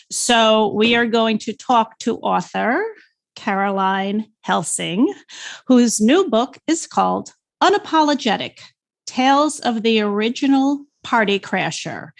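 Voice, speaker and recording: Speaking slowly in a gravelly, rather high, animated voice, a woman in her sixties hosts a podcast with an upbeat intro and interview. She's from New York State, has a New York accent, and keeps things enthusiastic and chatty.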